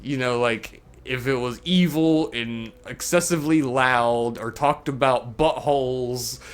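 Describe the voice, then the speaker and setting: A man's voice: medium pitch, a little slow, clear, resonant tone. A middle-aged man streaming a video game, chatting casually and joking, cursing at the game now and then. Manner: laid-back, joking, swearing at the game. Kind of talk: casual gaming stream chat.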